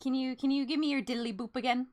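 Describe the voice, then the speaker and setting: A woman's voice: high voice, steady tone, fast, darkish tone. A young woman hosting a casual gaming chat, swearing, laughing and mimicking game sounds with her voice. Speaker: streamer host.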